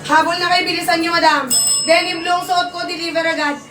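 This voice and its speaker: A young Filipino woman hosting a live-selling stream, talking loud and near-shouting, urgent and repetitive as her voice gives out. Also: extremely high pitch, little pitch movement, brisk, recorded from a distance, over music. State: losing her voice. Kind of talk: fast live-selling sales pitch. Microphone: phone. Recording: echoey room, off-mic, faint ambience.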